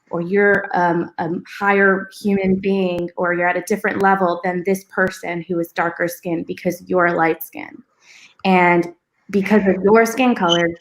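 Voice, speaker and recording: A woman's voice: fairly low pitch, poor audio. A young woman on a panel making firm, emphatic points, with frequent ums. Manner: firm, emphatic, filler-heavy. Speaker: panel guest. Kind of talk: casual panel discussion.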